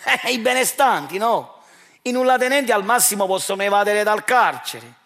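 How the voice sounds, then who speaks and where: At a normal speed and with lively intonation, this stage actor delivers his own monologue in a high, pushed, bright voice. Speaking with a Neapolitan accent, he provokes and accuses his audience with rhetorical questions.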